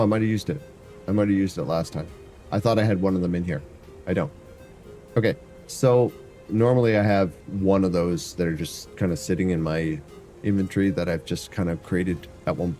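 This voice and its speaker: A man with a blocked nose streams himself playing a game, offering casual commentary that wanders as he thinks aloud and hums. This variety streamer's voice sits low and sounds mellow.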